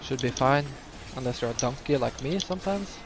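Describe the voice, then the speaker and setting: A man with a lisp and a nasal voice, giving a casual, halting game walkthrough. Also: mid-range voice, lively intonation. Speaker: gamer giving a healer guide. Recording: clear background noise, keyboard typing.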